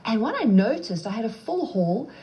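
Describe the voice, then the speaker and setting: A woman's voice: a little high, very animated, moderate pace, mellow. A South African woman answering interview questions as a guest, speaking in a self-assured, emphatic way. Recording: slightly dull, band-limited sound.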